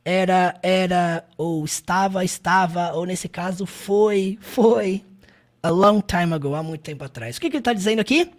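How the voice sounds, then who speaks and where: An English teacher with a Brazilian Portuguese accent, explaining film clips and repeating phrases slowly with frequent tag questions. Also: mid-range voice.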